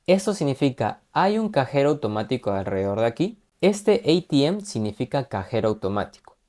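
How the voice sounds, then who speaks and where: A man from Peru narrating an English grammar lesson, explaining step by step and reading the example sentences slowly and carefully. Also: mid-range voice, sing-song, a little mellow. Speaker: English teacher.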